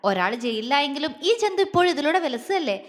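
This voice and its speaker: A woman voicing a fierce, blunt young female friend who speaks angrily and sharply. Her voice is high. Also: big pitch swings, brisk, in a large hall. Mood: indignant. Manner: angry, sharp-tongued.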